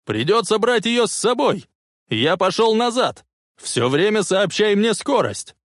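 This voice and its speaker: A man voicing an eccentric older scientist who shouts urgent encouragement. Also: high voice, sing-song, a little slow, no room sound, studio quality, voice pushed up. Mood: urgent encouraging.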